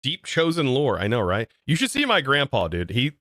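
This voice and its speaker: An American man streams a game and chats casually, answering his chat with disbelief. His mid-range voice swoops wildly in pitch at a moderate pace, with a fairly bright tone and dry, clean studio sound.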